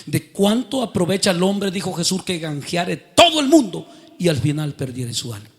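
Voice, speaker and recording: High, gravelly man preaching a sermon. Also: very animated, normal speed. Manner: quizzes the congregation, rising to fervent outbursts.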